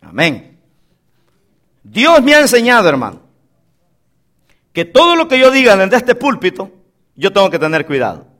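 A man preaching at a church pulpit in a very high voice that leaps up and down with lively swings. He drives his sermon with emphatic call-and-response, having the congregation repeat after him. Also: normal speed, long pauses. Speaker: pastor.

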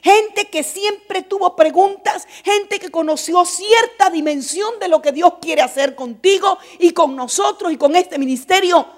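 A woman preaching a fervent church sermon in a very high voice. She talks slowly and emphatically and repeats her phrases. She drops to soft asides, then rises into shouted exhortation.

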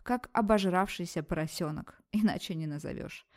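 A woman narrating a first-person novel aloud in brisk, vivid audiobook style. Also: lowish voice.

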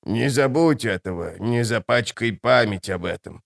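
A man voicing a bitter, scheming old female priestess, muttering and hissing in a hushed, low voice. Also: animated, a little slow, gravelly, no echo, clean studio sound. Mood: bitter, pleading.

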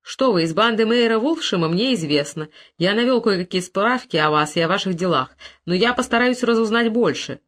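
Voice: mid-range voice, lively intonation, fairly quick, hardly any pauses, fairly bright tone, lightly acted. A reader voicing Tom, a domineering rich husband who speaks aggressively and with contempt in an audiobook. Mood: scornful.

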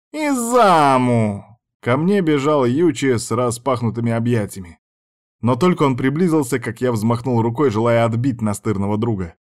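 A man reading a first-person novel aloud as a measured, brooding inner monologue. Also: medium pitch, darkish tone. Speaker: audiobook narrator. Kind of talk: first-person storybook narration.

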